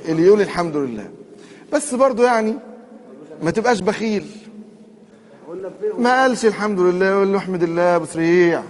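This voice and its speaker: Egyptian male preacher, rapid and lively, quizzing the congregation; slightly high pitch. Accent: Egyptian Arabic. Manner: lively, quizzes the audience with questions. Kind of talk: colloquial sermon.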